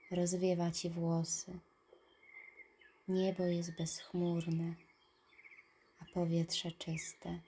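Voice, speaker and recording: A woman narrating a guided relaxation in a soft, calm voice that trails into breathy whispers. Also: fairly low pitch, a little hiss or hum. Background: birdsong and nature ambience.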